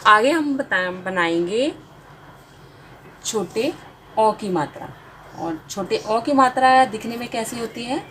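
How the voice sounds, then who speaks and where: A woman's voice: fairly high pitch, expressive, takes it slowly, pauses often, fairly bright tone, slight background noise, poor audio. A woman teaching a beginner spelling lesson, sounding out letters and marks one by one and drawing out each finished word.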